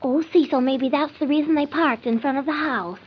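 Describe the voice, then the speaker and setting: An actress playing a prim, nervous, stubbornly clinging wife, fretful and earnest, in old-time radio comedy style. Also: female voice, high voice, a little fast, lightly acted. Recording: dull, lo-fi old radio recording.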